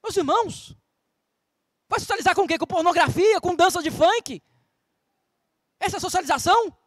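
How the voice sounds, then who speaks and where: A man's voice: very high voice, expressive, moderate pace, dry recording, studio quality. A man with a Brazilian Portuguese accent preaching a sermon as pastor, emphatic, with rhetorical questions and scripture quotes. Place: church.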